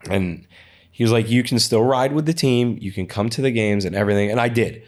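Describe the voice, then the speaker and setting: A man's voice: mid-range voice, a little fast, darkish tone. A man in an interview, telling stories casually, often restarting and repeating words. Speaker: interview guest, athlete and coach.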